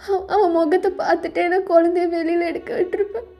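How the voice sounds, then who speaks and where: A woman voicing a heartbroken young pregnant woman left by her lover, crying and halting in a fan audio drama, with soft music behind. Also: sits high, flat delivery. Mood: tearful. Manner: tearful, halting.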